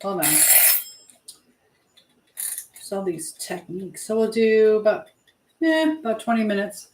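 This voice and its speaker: Hosting a relaxed kitchen live stream, a woman talks chattily to herself and her audience and reads comments aloud as she keeps busy. Her medium-pitched voice swings widely in pitch at a measured pace, against echoey room sound and clear background noise.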